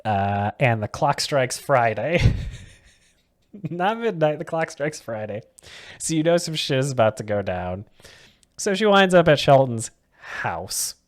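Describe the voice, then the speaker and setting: A man in relaxed podcast banter, summing up a film scene by scene. He keeps breaking into giggles in the middle of his sentences. He sounds loose and amused throughout. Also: medium pitch, a little slow. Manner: giggly, laughs often mid-sentence. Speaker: podcast co-host. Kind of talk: casual movie-review chat.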